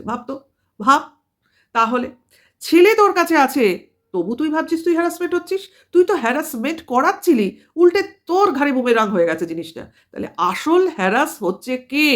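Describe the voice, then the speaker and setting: A woman vlogger, giving a combative, lecturing commentary full of pointed rhetorical questions. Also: high voice. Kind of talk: commentary monologue to camera.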